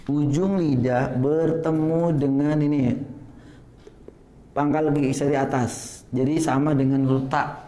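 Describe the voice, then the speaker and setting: A man's voice: fairly high pitch, fairly even intonation, measured pace, pauses often, mellow. A man teaching Quran pronunciation in a live class, patiently correcting students and demonstrating letter sounds. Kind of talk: live tajwid class instruction. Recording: echoey room.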